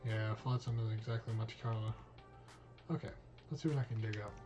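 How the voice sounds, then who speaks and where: A streamer reading a visual novel aloud, voicing all parts in a casual, cursing manner. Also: male voice, on the low side, steady tone, a little fast, over music. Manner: casual, reads all parts, drops in swear words.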